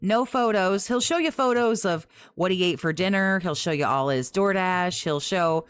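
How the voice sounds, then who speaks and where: Raspy, sarcastic woman with vocal fry. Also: lowish voice, moderate pace, no echo. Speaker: stream commentator. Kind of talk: casual mocking commentary over another stream.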